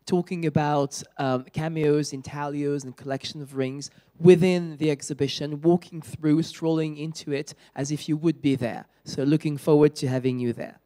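A man presenting an upcoming exhibition and reading out audience questions in a formal, measured way. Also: a little high, fairly even intonation, warm tone.

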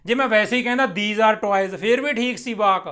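Speaking in Punjabi, a young male English teacher from Punjab walks learners through a spoken English lesson. His voice is high and bright, his pace patient, and he drops to a slow, careful delivery whenever he models an example sentence.

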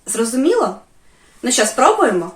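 A woman's voice: fairly high pitch, very animated, moderate pace, reverberant. A woman teaching a music lesson to small children, sing-song and encouraging.

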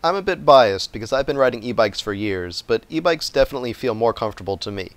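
An American man in his thirties presents a scripted review in the manner of an online explainer. His voice sits at a middling pitch for a man. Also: lively intonation, quick pace, no room sound, faint music behind. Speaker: vlogger and product reviewer.

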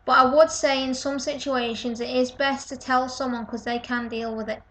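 Filming a casual webcam response indoors in her kitchen, the twenty-something vlogger from North West England speaks in a Lancashire-type northern accent, tired, rambling and self-deprecating. Her pitch is high, her intonation fairly even, her pace moderate and her tone fairly bright, captured on the built-in webcam mic.

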